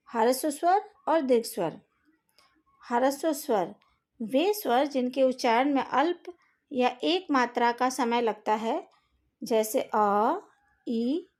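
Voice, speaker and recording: A woman teaching a recorded lesson, carefully sounding out each vowel and speaking directly to her students. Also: high voice. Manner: speaks to students directly, asks them to fix slides. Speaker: Hindi teacher.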